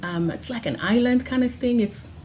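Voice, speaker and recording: A Lingala-speaking woman from the Democratic Republic of Congo vlogs casually to camera at home, laughing often, with background music playing. Her voice is on the high side and a little mellow, at a normal speed.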